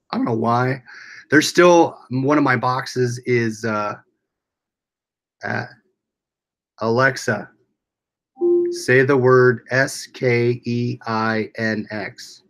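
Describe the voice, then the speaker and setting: A man's voice: medium pitch, a bit bright. An American man hosting a casual livestream, rambling along as he reads and answers viewers' comments aloud. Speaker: livestream host.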